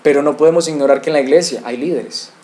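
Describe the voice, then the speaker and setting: A man's voice: a little high, fast talker, mellow. A male pastor preaching an expository sermon, asking rhetorical questions and addressing the congregation directly.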